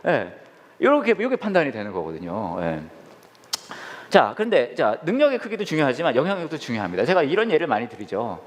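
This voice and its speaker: Pastor, male, fast-talking with a lively, swinging pitch, teaching Bible study, echoing hall. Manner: animated, asks the audience questions and answers them; acts out quoted lines in changed voices.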